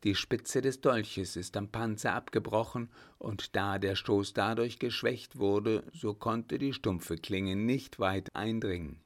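A man voicing a calm, wounded young soldier who soothes his sweetheart in an even, steady manner. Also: fairly low pitch, slow, few pauses. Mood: reassuring.

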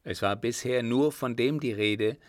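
A man voicing a young man in love, earnest and determined, in his own plain low voice. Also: a little slow, dry recording, studio quality, natural voice.

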